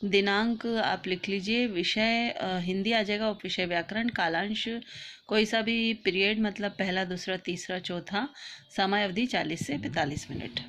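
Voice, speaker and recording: Woman calmly dictating a lesson plan. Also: mid-range voice, slight background noise. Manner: steady, methodical dictation. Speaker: teacher trainer.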